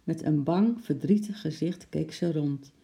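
Gravelly, dark storybook narrator. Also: medium pitch, unhurried. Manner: steady, expressive reading. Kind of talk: children's storybook reading.

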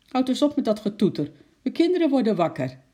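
A storyteller voicing a nosy neighbour man calling over the fence in a children's story, loud and teasing. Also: medium pitch, sing-song, quick pace, voice pushed up.

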